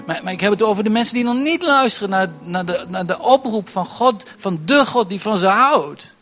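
A man preaching a sermon from a church stage, impassioned and building to near shouting, often repeating words as he starts a sentence. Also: sits high, lively intonation, brisk, soft background music. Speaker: pastor.

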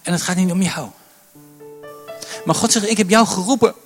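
A man preaching a sermon from a church stage, impassioned and building to near shouting, often repeating words as he starts a sentence. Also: high voice, moderate pace, faint music behind. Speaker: pastor.

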